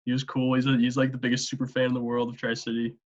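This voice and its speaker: A young man talks in a laid-back, rambling way as a podcast guest, dropping plenty of fillers. His voice sits at a middle pitch. The audio is a little dull and lo-fi, like a video call. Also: completely flat delivery, rapid-fire. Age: young adult. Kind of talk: casual chat.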